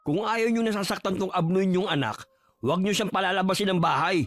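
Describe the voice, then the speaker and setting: A man acts out a swaggering young bully from the village, sneering and scornful, his voice pitched fairly high for a man. Faint music plays behind him in this audio drama. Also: a little fast, fairly bright tone, no room sound. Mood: taunting. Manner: taunting, scornful.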